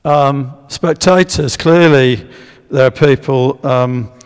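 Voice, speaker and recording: A man's voice: medium pitch, slow, clean tone. A man giving a public history talk with slides, hesitant with many fillers and restarts, drawing guesses from the audience. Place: church. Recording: long echo of a church hall.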